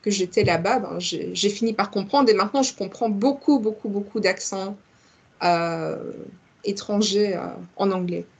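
A woman's voice: mid-range voice, normal speed, gravelly, darkish tone, breathy edge. A woman who is a podcast guest, talking at length in a chatty, expansive way with many small restarts. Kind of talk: casual podcast conversation.

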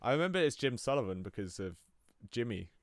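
A man's voice: mid-range voice, very animated, quick pace, dry recording. A man co-hosting a podcast in casual chat with a dry, teasing manner. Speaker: podcast co-host.

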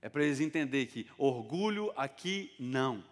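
A man preaching a sermon as pastor, telling stories lively and acting out the lines of the people in them. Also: medium pitch, moderate pace. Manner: lively storytelling, acting out dialogue. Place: church hall. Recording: long reverb of a church hall.

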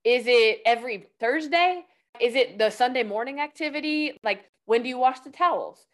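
On a podcast, a Californian woman appears as a guest life-hacks coach, sharing tips in a chatty, loose way packed with fillers, especially "like." Her voice is fairly high and moves at a normal speed.

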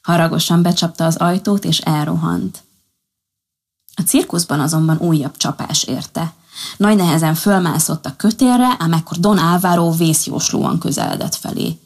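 A woman reading a children's story aloud in a calm, even manner. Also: sits low, creaky, husky.

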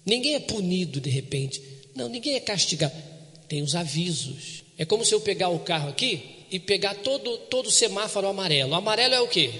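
A man preaches a sermon with a high-pitched voice. He reads scripture slowly, repeats his words and keeps calling on his listeners to answer. His voice rings out in a long hall reverb. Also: lively intonation, pushed and bright. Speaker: pastor. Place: church broadcast on radio.

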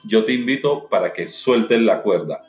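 A man with a lowish voice tells a parable dramatically and then exhorts his listeners. The room is echoey, and faint music runs underneath. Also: lively intonation, normal speed, darkish tone. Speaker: motivational speaker. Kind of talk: storytelling with a moral.

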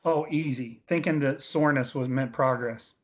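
A man in his late forties, a veteran bodybuilder appearing as an interview guest, answers questions in a casual, emphatic way and repeats points for stress. His voice sits at medium pitch and moves at a normal speed. The audio is dull and lo-fi.

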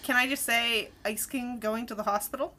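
A woman with a fairly high, bright and forceful voice co-hosts a podcast. She reviews a cartoon episode in casual chat. She sounds animated and enthusiastic, and she leads the conversation. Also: moderate pace. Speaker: podcast co-host.

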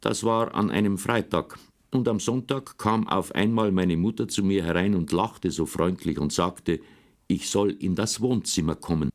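A man's voice: low voice, moderate pace. A man narrating a humorous first-person boyhood story as an audiobook reader. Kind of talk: scripted narration.

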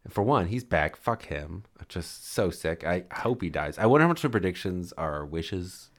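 A man co-hosting a casual recap podcast, swearing often and talking in a sarcastic, animated way. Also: low-pitched. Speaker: podcast co-host.

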